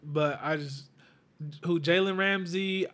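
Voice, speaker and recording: A man's voice: high voice, slow, a bit bright. Argumentative man full of "uh" fillers. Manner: argumentative, hesitant fillers, slangy. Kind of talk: casual football debate.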